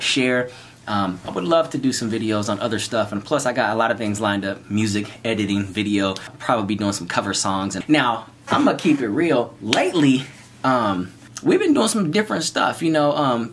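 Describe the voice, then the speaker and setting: A man with a mid-range voice chats playfully to a close-range camera in a small, bright room, handing out marriage tips. He's animated, jokes around, and repeats lines, with slight background noise in the audio.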